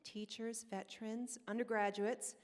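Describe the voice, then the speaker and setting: A woman's voice: a little high, little pitch movement, a little slow. A woman program manager speaking at a conference, a little nervous and informal. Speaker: program manager presenting awards. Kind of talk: conference speech. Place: large conference hall. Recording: hall reverb.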